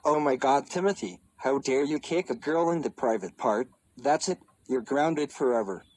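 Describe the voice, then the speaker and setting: A man's voice: medium pitch, normal speed, darkish tone, close to an everyday voice, poor audio. A man voicing a scolding cartoon dad. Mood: angry. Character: stern cartoon father. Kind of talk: cartoon voice acting.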